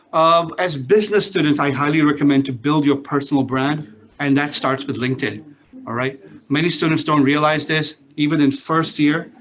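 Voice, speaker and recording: With a slightly high, somewhat bright voice, a middle-aged business lecturer chats with his class while introducing himself, making joking asides and checking in with "all right?". He's from Pakistan, grew up in Singapore, and speaks with a Singaporean English accent.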